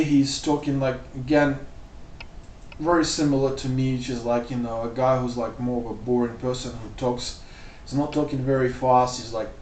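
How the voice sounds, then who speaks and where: A man's voice: mid-range voice, darkish tone, slight background noise. Rambling man, roomy distant sound. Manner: loose and rambling, full of "like" and "you know". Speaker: vlogger. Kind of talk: casual spoken commentary.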